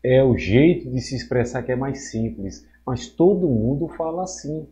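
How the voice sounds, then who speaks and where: A male teacher giving a recorded school lesson, lively and joking, acting out quoted voices. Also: mid-range voice, normal speed, dull audio.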